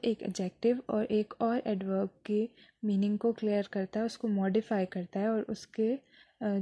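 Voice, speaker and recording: A woman's voice: medium pitch, mellow, husky. A woman teaching an English lesson, explaining patiently and sounding out words syllable by syllable.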